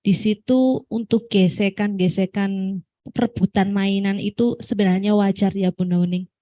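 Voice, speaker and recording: A woman in a seminar audience asks about her children, pausing and searching for words. Her voice is plain in pitch. The mic sound is dull and dry. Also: steady tone, warm tone, no echo. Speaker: audience member asking a question. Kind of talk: asking a question at a seminar.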